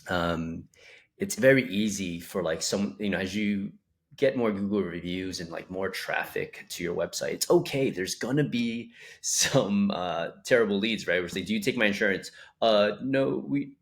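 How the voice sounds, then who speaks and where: A man's voice: sits low, moderate pace. A young man co-hosting a casual podcast about physical therapy business, rambling and acting out caller quotes.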